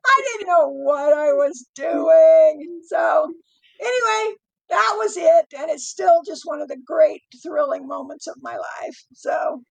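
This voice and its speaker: Middle-aged woman guest, super high voice w some fry, chatty, laughs a lot telling stories. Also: takes it slowly, rough recording. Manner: animated storyteller, laughs often. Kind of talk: casual storytelling chat.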